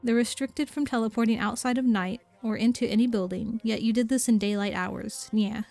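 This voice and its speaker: A woman's voice: a little high, fairly even intonation, a little fast, gravelly, darkish tone, dry recording, faint music behind. A woman voicing a shaken, stern young man from a storybook, pressing for answers. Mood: demanding.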